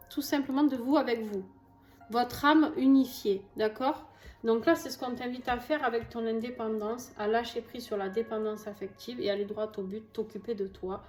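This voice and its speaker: A woman's voice: a little high, darkish tone. Southern French woman reading tarot. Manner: chatty, reassuring, frequent fillers and asides. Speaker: tarot reader. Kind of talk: casual tarot reading to camera. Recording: echoey room with faint music.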